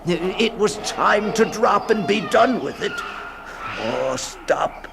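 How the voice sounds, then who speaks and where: In a 1960s radio dramatic monologue of a fantasy tale, an actor plays a terrified, desperate male climber narrating his nightmare escape, heard through a noisy recording. His high-sitting, expressive voice carries vocal fry and sounds exaggerated, fearful and hunted. He performs theatrically and haltingly, gasping and lurching between whispers and cries.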